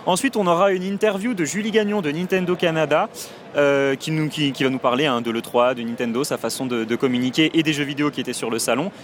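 At a video game trade show, a male podcast host runs a live episode in a chatty, friendly manner with frequent fillers. His voice is on the high side with fairly even intonation and a fast pace, and the recording has a little hiss or hum.

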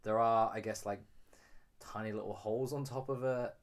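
British male co-host, lowish voice, chatty rambling explainer who laughs a lot. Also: fairly even intonation, moderate pace. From United Kingdom. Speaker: podcast co-host. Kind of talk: casual chat.

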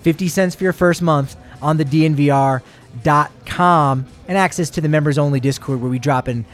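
A man's voice: on the high side, normal speed, faint music behind. A man co-hosting a sports show, chatting casually and rambling through sponsor plugs with jokey asides.

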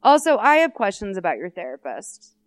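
A young adult woman hosting a podcast, recapping a film in a lively, chatty way and briefly voicing the people she describes. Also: medium pitch. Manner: animated storytelling, quick character voices for the people she quotes. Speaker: podcast host. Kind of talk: casual comedic movie recap chat.

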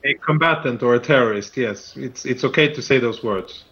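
Over a slightly dull, band-limited remote link, a man with a medium-pitched voice answers a live news interview as a military spokesman. He is firm, deliberate and defensive in how he talks. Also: bright, forceful tone, breathy edge.

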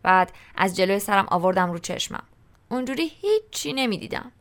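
A woman's voice: medium pitch, sing-song. A woman narrating a novel in the first person, in a colloquial, conversational storytelling style. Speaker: audiobook narrator.

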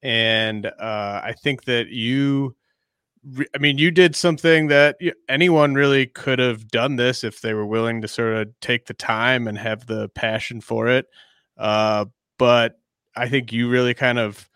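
Male podcast host, crisp and forward voice, casual halting delivery, very dry close sound. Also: medium pitch, a bit bright, no echo.

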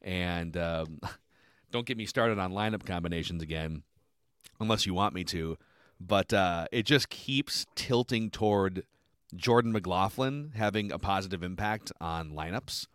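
A man co-hosting a sports podcast in casual chat, animated and joking, quoting stats. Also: low-pitched, unhurried, smooth, dry recording, studio quality.

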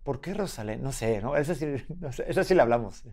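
Guy hosting a podcast, talks fast, laid back and slangy. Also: medium pitch. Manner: relaxed, slangy, laughs often. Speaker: podcast host. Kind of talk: casual interview chat.

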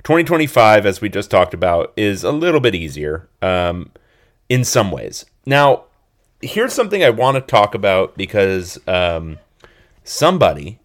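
A man's voice: fairly low pitch, big pitch swings, normal speed. A man co-hosting a casual sports podcast, chatty and analytical, hedging his points. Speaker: podcast co-host.

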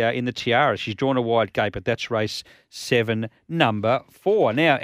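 A man's voice: medium pitch, no echo, studio quality. Confident Australian man tipping horses. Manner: confident, assured tipster delivery. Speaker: host of horse racing tipping show. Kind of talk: racing tips and chat.

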